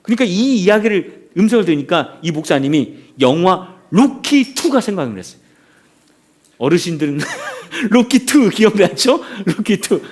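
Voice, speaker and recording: High, lively-voiced male pastor preaching. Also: moderate pace. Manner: animated storytelling, asks the congregation questions. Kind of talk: sermon.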